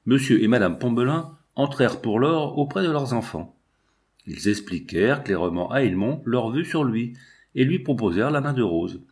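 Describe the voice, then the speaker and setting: A man narrating a classic literary text in a measured, expressive reading. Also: mid-range voice. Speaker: audiobook narrator.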